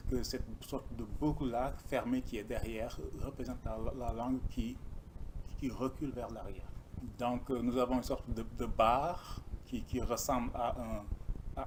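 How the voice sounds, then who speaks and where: Slow, patient male teacher. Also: mid-range voice, a little mellow, slight background noise. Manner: patient, repeats syllables slowly. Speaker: Arabic teacher. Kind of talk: slow classroom lesson on letter sounds.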